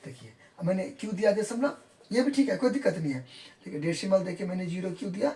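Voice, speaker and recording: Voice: medium pitch, animated, fast, warm tone. A maths teacher explaining a classroom lesson step by step. The teacher repeats each point and keeps checking that students follow, saying numbers in English. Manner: counts numbers out in English within Hindi talk. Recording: echoey room, voice from far off.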